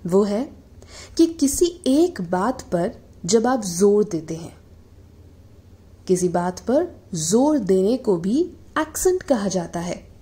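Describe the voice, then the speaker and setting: A woman teaching English vocabulary in a slow, deliberate lesson, explaining in Hindi with English examples. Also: medium pitch, sing-song, dark tone.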